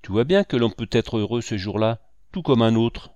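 A man's voice: mid-range voice, lively intonation, normal speed, a little mellow, no room sound, muffled recording, natural voice. A man voicing a cheerful little rich girl in a storybook reading. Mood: eager.

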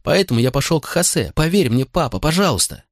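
A man's voice: fairly high pitch, sing-song, quick pace, no room sound, studio quality, pitched above the performer's own voice. A man reading an audiobook voices a frightened young boy who pleads through tears with his stern father. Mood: pleading, tearful. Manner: sobbing, pleading. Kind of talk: audiobook character voice.

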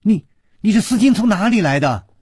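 A man voicing a proud, sharp-tongued young princess who teases and snaps. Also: medium pitch, sing-song, husky, no echo, clean studio sound. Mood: indignant. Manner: teasing, petulant, quick to anger.

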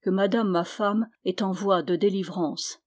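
A woman's voice: medium pitch, a little slow, a little mellow, lightly acted. A woman voicing a grave, formal man-at-arms.

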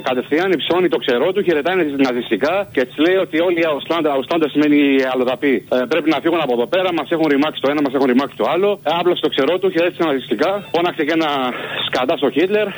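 A man's voice: on the high side, a little hiss or hum. A man calling in to a radio show, shaken and telling a story in an agitated way. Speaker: caller.

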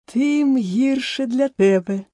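A woman voicing a pompous, flustered old male king in an audiobook, speaking slowly and ponderously. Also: high voice, dark tone, no echo, clean studio sound, voice pushed up. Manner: slow and ponderous. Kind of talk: audiobook character voice.

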